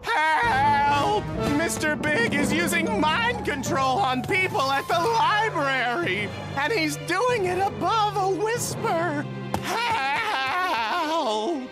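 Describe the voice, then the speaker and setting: A woman's voice: very high voice, big pitch swings, takes it slowly, loud music behind the voice, full character voice. A woman voicing a panicky bystander raising the alarm in a cartoon. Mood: panicked. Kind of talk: animated cartoon voice acting.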